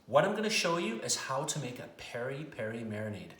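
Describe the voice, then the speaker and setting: Chef demonstrating a recipe in an echoey kitchen. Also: male voice, mid-range voice, sing-song, brisk, a bit bright. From South Africa. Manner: friendly, explanatory, with frequent "um" fillers. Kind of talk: cooking demonstration.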